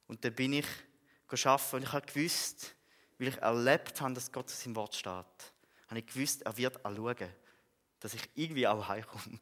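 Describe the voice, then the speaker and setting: A young man with a Swiss German accent giving an earnest church testimony, telling his story with soft chuckles and emphatic bursts. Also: medium pitch. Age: young adult. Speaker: speaker giving a personal testimony. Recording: long reverb of a large hall.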